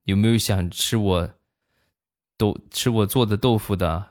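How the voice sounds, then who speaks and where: A man telling comic anecdotes in a chatty way, pausing for his punchlines. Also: fairly low pitch, darkish tone. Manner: chatty storytelling with punchline pauses. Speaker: comic storyteller.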